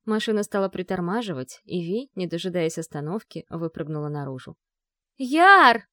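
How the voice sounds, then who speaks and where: A woman narrating a novel with a measured, expressive reading. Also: on the low side, dry recording, studio quality. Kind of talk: audiobook narration.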